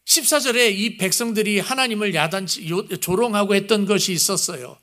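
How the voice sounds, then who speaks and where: A man's voice: high voice, fairly quick, bright, forceful tone. A man preaching a sermon as pastor, pleading with rising emphasis, asking the congregation questions and acting out a scolding parent. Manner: asks the congregation rhetorical questions; puts on a scolding parent's voice for quotes.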